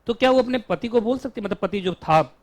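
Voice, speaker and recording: A man with an Indian accent teaching a law class, chatty and joking, stretching out key terms slowly. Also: high-pitched, a little mellow.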